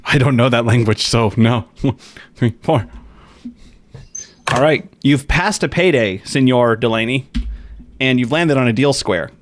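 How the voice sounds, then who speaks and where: A man's voice: mid-range voice, measured pace, pauses often. Joking man hosting an online game. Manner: joking, teasing, mock infomercial asides. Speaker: game host.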